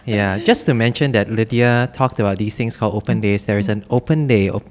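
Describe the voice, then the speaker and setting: A man's voice: lowish voice, a little fast, a little hiss or hum. A man hosting a casual podcast chat, asking questions and prompting the guests.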